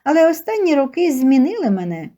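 A lonely, guarded young bookseller from a storybook, quiet and restrained, as a woman narrator reads her lines. The voice is mellow and slightly high. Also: sing-song, a little fast. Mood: reserved.

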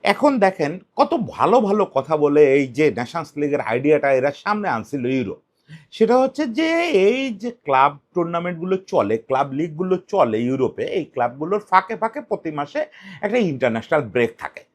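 A man giving solo football commentary, animated and argumentative, asking rhetorical questions and shifting his voice for emphasis. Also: fairly high pitch, brisk. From Bengal.

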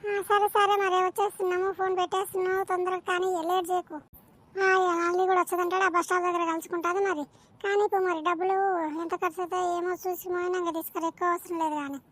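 A nagging, fretful cartoon village mother, voiced by a woman. Her voice sits very high and races along. She scolds in quick bursts. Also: little pitch movement, a bit bright. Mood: fussy. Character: fussy scolding village mother, middle-aged. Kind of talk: cartoon voice acting.

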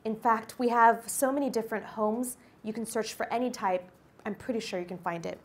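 This guest lecturer is an American company executive in her forties, telling personal stories to a university class in a lively, upbeat way. She uses a handheld mic on a lecture hall stage, her voice a little high and her pace fairly quick. A little hiss or hum can be heard.

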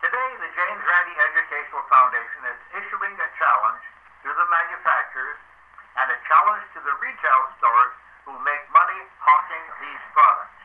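A man's voice: a little high, animated, normal speed, phone-quality sound. A man reading a prepared public statement as a foundation's spokesman, emphatic and challenging, captured on a dictaphone recording.

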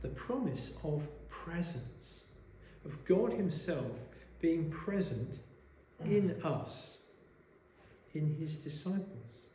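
A man preaching a sermon, explaining a Bible passage in a measured way and asking rhetorical questions, recorded in a church. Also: fairly high pitch, big pitch swings, warm tone, a little hiss or hum. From Wales. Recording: echoey church room.

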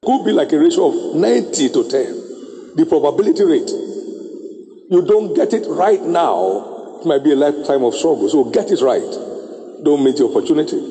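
A middle-aged man preaching a sermon on a handheld mic in a large church auditorium, slow and emphatic with drawn-out phrases and sudden high exclamations. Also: animated, warm tone. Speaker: bishop preaching. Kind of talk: sermon exhortation. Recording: echoey hall reverb.

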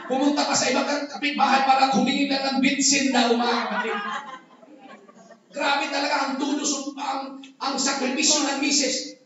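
A Filipino pastor preaches in a high, bright, forceful voice, often shouting for emphasis. He is heard from far off in a very echoey hall. The recording is dull and lo-fi. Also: slight background noise. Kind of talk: sermon.

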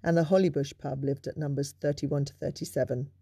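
A man narrates local history in a measured, informative way, his voice slightly high and gravelly with a mellow tone. The recording is close and dry, with no room sound. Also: level tone, no room sound, soft background music.

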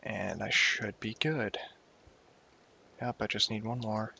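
A man's voice: lowish voice, fairly even intonation, slow, gravelly, sharp tone, slightly rough. A young man giving casual gameplay commentary at home, rambling and joking at himself as he plays. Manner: rambling, self-mocking, talks to himself while playing. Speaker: gaming YouTuber. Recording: dull lo-fi home recording.

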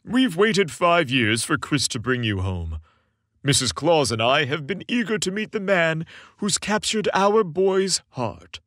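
A man voicing a jovial, fatherly old Santa Claus from a storybook, hearty, measured and commanding. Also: on the high side, big pitch swings, a bit bright, dry recording, studio quality, pitched above the performer's own voice. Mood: warm.

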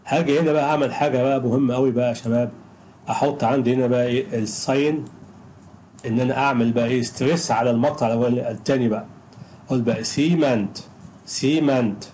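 A man's voice: medium pitch, fairly even intonation, dark tone, slight background noise, poor audio. Patient Egyptian man teaching pronunciation. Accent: Egyptian Arabic. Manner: patient, repeats each word slowly several times. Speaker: English teacher. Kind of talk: recorded screen lesson.

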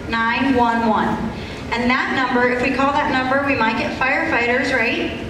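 A woman's voice: high-pitched, fairly even intonation, brisk. A woman giving an instructive safety talk to young children, asking simple questions and answering them, over a microphone in a large indoor room. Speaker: firefighter safety educator. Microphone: handheld microphone through speaker, recorded from across room. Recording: very echoey hall PA, noisy room.

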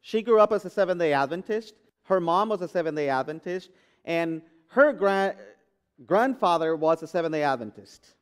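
A man's voice: high-pitched, animated, moderate pace, smooth. Man, 30s, pastor, conversational sermon, fillers and restarts, resonant tone. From Guatemala. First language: Spanish. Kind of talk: sermon testimony. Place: church sanctuary.

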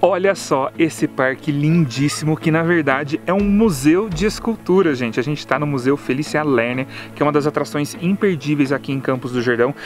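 A man in his thirties on a travel vlog, talking to a handheld camera outdoors in a cheerful, informative tour-guide manner. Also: fairly high pitch. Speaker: travel vlogger. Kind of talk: casual travel vlog narration. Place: outdoors in a park. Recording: loud music behind the voice. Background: background music.

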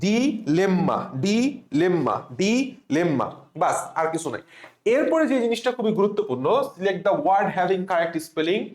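A man's voice: high voice, lively intonation, normal speed, a little mellow. A man teaching spelling for exam prep, spelling words letter by letter and having students repeat after him. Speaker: spelling tutor for medical admission students. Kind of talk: classroom-style exam lesson. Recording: echoey room.

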